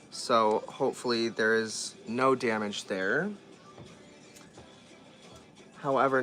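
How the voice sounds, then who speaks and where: A vlogger repairing dolls chats casually as he works, thinking aloud and often trailing off and restarting sentences. His voice is medium-pitched and a bit bright.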